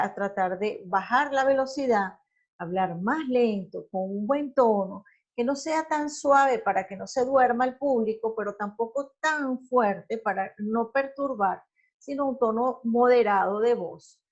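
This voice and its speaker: A woman teaching a recorded class lecture, explaining slowly and checking in with the listeners often. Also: a little high, dull audio.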